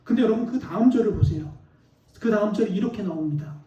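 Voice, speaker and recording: A man preaching a sermon as a pastor, telling an animated personal story and laughing as he goes. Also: high-pitched, fast talker. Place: church sanctuary. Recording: roomy, distant, dull church recording.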